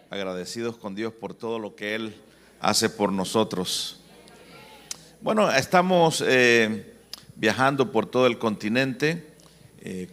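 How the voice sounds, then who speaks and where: A man's voice: fairly low pitch, fairly bright tone. A man in his sixties with a Honduran accent, a pastor giving a church conference talk in a joking, anecdotal way. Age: 60s. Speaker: pastor and family-conference speaker.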